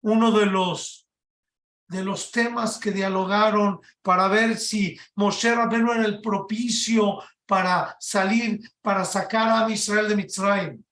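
A male rabbi delivers a sermon in a high, bright voice, tossing out rhetorical questions and climbing into shouts to drive his points home. The recording sounds roomy and echoey. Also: slow pace. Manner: animated, rising to shouts for emphasis, many rhetorical questions. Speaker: rabbi giving a Torah talk.

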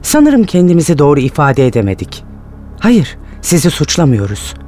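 A calm, polite police inspector in a radio play, asking probing questions. His pitch moves lively, and faint music runs behind. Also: normal speed. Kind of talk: radio drama acting.

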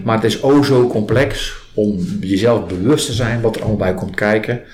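A man's voice: on the low side, normal speed, darkish tone. A man being interviewed as a trainer, explaining his method in conversational talk with acted-out example questions. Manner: acts out example questions and client remarks while explaining. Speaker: trainer in a body-based stress release method, interviewed. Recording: roomy echo, clear background noise.

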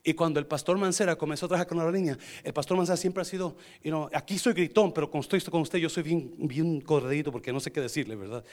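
A man preaching a sermon as pastor, dropping to whispers and rising to shouts, and slipping English phrases into his Spanish. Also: fairly high pitch. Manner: self-described introvert, talks fast when telling stories.

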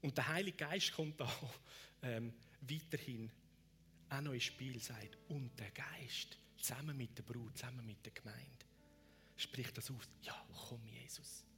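Male pastor, slow and deliberate, rising to fervent appeals, sinking to whispers. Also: medium pitch, soft background music. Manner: alternates fervent raised appeals with hushed whispered prayers. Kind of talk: sermon.

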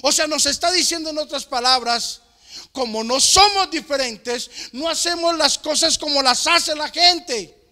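High-voiced pastor preaching slowly. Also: male voice, pushed and bright. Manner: emphatic, slow, drawn-out preaching. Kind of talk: sermon. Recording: long hall reverb.

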